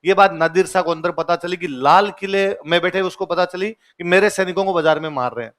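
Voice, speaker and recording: A man's voice: sits high, brisk. A male teacher giving a classroom lecture. He repeats each point in two languages, quizzes the class and tells stories with a laugh. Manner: lively storyteller, often laughing.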